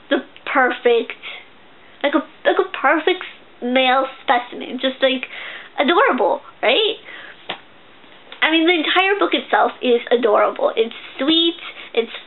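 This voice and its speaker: A woman's voice: high voice, animated, a little slow. A young woman casually reviewing a book, chatty and gushing, with lots of fillers and restarts. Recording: tinny, phone-like sound.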